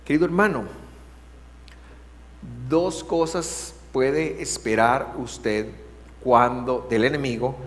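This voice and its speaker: A Guatemalan pastor preaching with a lively, swinging voice that sits a little high for a man. He moves between loud emphasis and hushed, drawn-out words. The sound carries a long church-hall reverb over a faint hum. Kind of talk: sermon. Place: church sanctuary.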